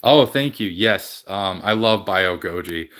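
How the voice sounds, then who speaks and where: Low-voiced man chatting to stream viewers. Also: animated, a little slow, fairly bright tone. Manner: rambling, self-correcting. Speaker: livestream host. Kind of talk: casual chat with live viewers. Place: home game room.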